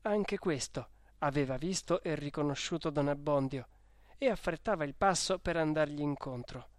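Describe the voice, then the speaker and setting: A man reading a classic novel aloud as a narrator, in a measured, steady manner. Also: on the high side, no echo, studio quality. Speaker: audiobook narrator.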